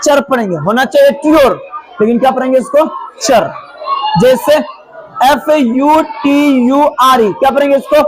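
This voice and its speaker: A man teaching English pronunciation to a class of children. He calls out loudly, asks questions, then repeats the answers himself. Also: very high-pitched, a little slow. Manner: loud, calling out to the class. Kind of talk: classroom lesson. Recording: noisy room ambience.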